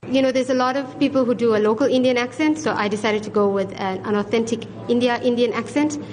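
A woman's voice: a little high, steady tone, fast talker, darkish tone. A middle-aged South African woman, a restaurateur and singer, chatting freely in an interview. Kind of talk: interview answers. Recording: noisy crowd behind.

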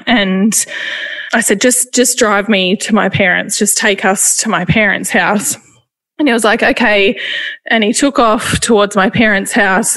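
A woman, retelling a painful personal experience in a halting, emotional way, with frequent restarts. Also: a little high, vocal fry, fairly bright tone. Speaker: interviewee. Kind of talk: personal testimony.

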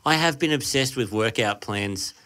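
A man's voice: medium pitch, moderate pace, pushed and bright. A man with a broad Australian accent chatting casually and comically in a blokey, rambling way. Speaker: comedy podcast host.

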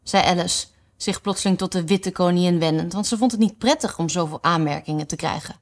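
A woman narrating a storybook aloud in an expressive, animated way. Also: on the low side, fairly quick. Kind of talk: storybook reading.

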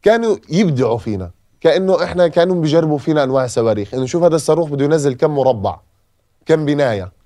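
Fast-talking Palestinian man, emotional testimony. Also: a little high, animated, mellow, no room sound. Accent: Palestinian Arabic. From Gaza, Palestine. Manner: emotional, repeating phrases for emphasis. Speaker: guest. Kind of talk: personal testimony in a podcast interview.

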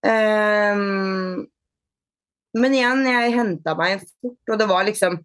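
A woman being interviewed on a podcast, chatting casually, with many fillers and restarts and lively retold dialogue. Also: mid-range voice, clear, resonant tone, no room sound, clean studio sound. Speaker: podcast guest, bodyfitness athlete.

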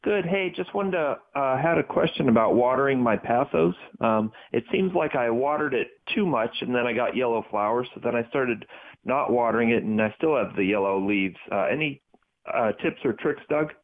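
Male call-in listener on a phone line, mid-pitched, casual and a bit hesitant, tinny telephone sound. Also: lively intonation, moderate pace. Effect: caller heard over a phone line. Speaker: radio show caller.

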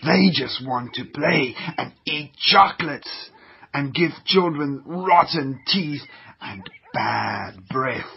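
A man's voice: mid-range voice, vocal fry, dull audio, a little hiss or hum. A man voicing a sneering germ villain who hates clean, healthy children, gloating and disgusted in a theatrical way.

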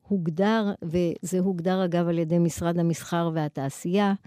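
Academic lecturer: woman, Israeli accent, dark soft-edged tone, formal scripted delivery, very dry recording. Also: on the low side, no room sound. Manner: formal, articulate, long measured sentences.

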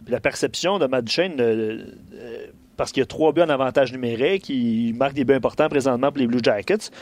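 Québécois co-host, goes along with everything, dry mic. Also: male voice, mid-range voice, brisk, a little mellow, no echo. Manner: agreeable, reads viewer comments. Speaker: sports show co-host. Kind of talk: casual sports chat.

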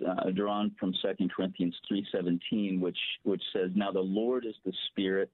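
A man's voice: deep voice, level tone, normal speed, dry recording. A man speaking as a spokesman in an interview sound bite. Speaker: organization spokesman. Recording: thin phone-like line.

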